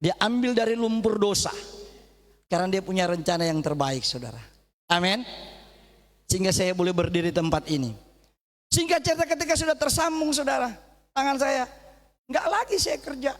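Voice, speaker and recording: A middle-aged man preaching a sermon, telling a personal testimony in an animated way, swinging from loud to hushed. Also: high voice, moderate pace, pauses often. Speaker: pastor. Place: church hall. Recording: church hall reverb.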